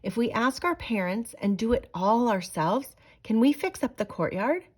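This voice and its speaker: A woman puts on an eager little girl from a picture book. She is determined and expressive, pleading her case with lively swoops in pitch. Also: normal speed, slightly rough. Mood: earnest, pleading. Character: eager, determined little girls with a playground idea.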